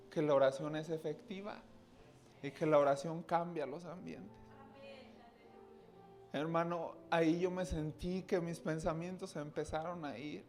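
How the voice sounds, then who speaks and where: A man's voice: a little high, darkish tone. A man giving a personal testimony to a congregation, earnest, often turning to his listeners directly. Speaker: church speaker giving testimony.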